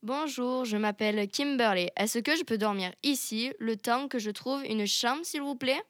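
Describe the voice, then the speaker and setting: A woman's voice: fairly high pitch, normal speed, fairly bright tone, no room sound, lightly acted. A woman in an amateur skit playing a polite Englishwoman who is a nurse and a mother of three.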